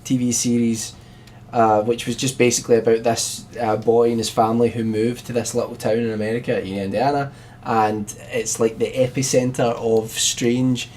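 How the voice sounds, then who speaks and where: A man's voice: mid-range voice, level tone, moderate pace, darkish tone, a little hiss or hum. A young man co-hosting a podcast, chatting casually and rambling with lots of fillers and laughs. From Scotland. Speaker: podcast co-host. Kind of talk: casual chat.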